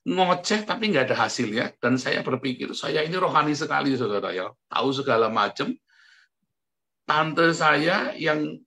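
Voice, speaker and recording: A male pastor giving a chatty, colloquial sermon, often turning to the congregation, laughing at himself and breaking into sudden loud outbursts between quiet asides. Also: mid-range voice. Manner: colloquial, chatty preaching, keeps addressing the congregation; self-mocking, laughs as he talks.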